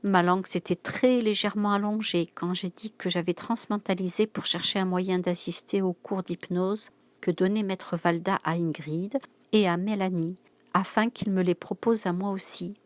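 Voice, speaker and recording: A woman reading a plucky schoolgirl, quick and confiding, low-ish voice, dry. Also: fairly even intonation, dry recording, lightly acted. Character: young schoolgirl, relieved and plucky.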